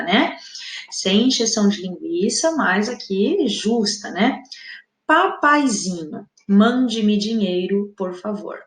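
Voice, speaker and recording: A woman's voice: mid-range voice, gravelly, echoey room. A woman teaching an exam-prep lesson with a Brazilian Portuguese accent, explaining patiently and often checking in with the viewer.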